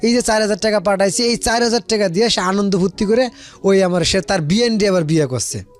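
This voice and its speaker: Over soft background music, a high-voiced, brisk guest with a Bangladeshi accent recounts his personal story. He talks in a loose, colloquial way, wandering off and echoing phrases whenever he quotes what people said.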